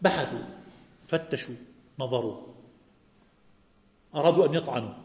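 A man's voice: medium pitch, fairly quick, darkish tone. Man teaching in an echoey hall. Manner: explains by asking rhetorical questions and answering them. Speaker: preacher. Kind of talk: religious lesson. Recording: echoey hall with long reverb.

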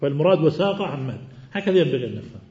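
A man's voice: fairly high pitch, sing-song, a little mellow. Man teaching hadith in a roomy hall. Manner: explains slowly, quizzes students with questions. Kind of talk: classroom lecture. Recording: roomy, dull recording.

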